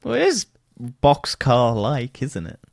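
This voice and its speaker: A man's voice: medium pitch, wildly swooping pitch, measured pace, gravelly, a little mellow, no room sound, clean studio sound. A man co-hosting a casual podcast, rambling, swearing and laughing as he goes. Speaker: podcast co-host. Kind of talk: casual chat.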